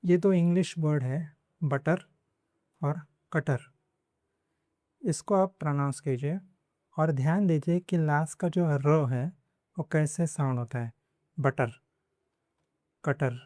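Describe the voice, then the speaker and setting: A man's voice: fairly high pitch, moderate pace, mellow, dry recording, studio quality. A man teaching a pronunciation lesson in Hindi, repeating each example word several times. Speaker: Spanish teacher.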